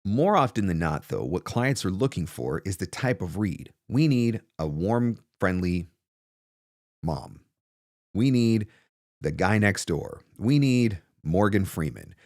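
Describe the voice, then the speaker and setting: A man in his forties with a low, darkish voice speaks slowly and swings widely in pitch while hosting a casual livestream of voiceover business advice. He talks emphatically and repeats phrases for stress, sitting close to a large studio mic in a small home studio, and the sound is dry.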